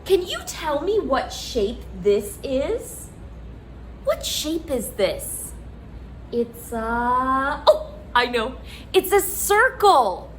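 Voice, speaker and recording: A woman's voice: sits high, big pitch swings, drawn-out words, slight background noise, rough recording. A woman leading a children's storytime, speaking as if reading to a toddler, with simple questions, encouragement and exaggerated, sing-song expression.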